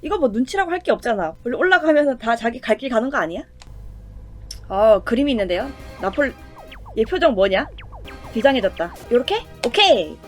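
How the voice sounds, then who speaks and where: A woman's voice: fairly high pitch, very animated, brisk, faint music behind. A woman giving casual let's-play commentary with playful exclamations and chatty self-talk. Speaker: game streamer.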